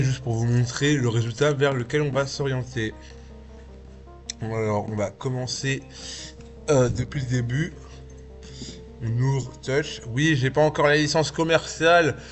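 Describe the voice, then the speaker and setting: Male tutorial host, lightly lisping, informal and slow-paced, talking through steps over music. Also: mid-range voice. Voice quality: slight lisp. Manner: informal, step-by-step, thinking aloud. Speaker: tutorial host, video artist and VJ. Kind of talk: casual software tutorial. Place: small indoor home studio.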